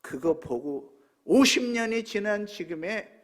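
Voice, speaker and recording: A pastor in his seventies preaching a sermon, telling a personal story with emotion that swings from hushed tones to loud exclamations. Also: high-pitched, animated, measured pace. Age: 70s.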